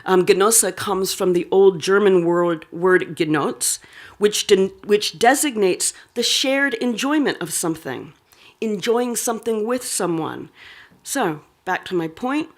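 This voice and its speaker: A woman delivering an academic lecture in a voice of ordinary pitch for a woman. She reads from a prepared text and now and then adds a quick aside or filler. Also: animated. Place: lecture hall.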